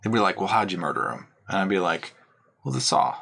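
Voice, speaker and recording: A man's voice: low voice, very animated, a little fast, creaky, sharp tone. A man co-hosting a podcast in casual chat, musing hesitantly and filling his talk with "like". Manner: musing, hesitant, many "like" fillers. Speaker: podcast co-host.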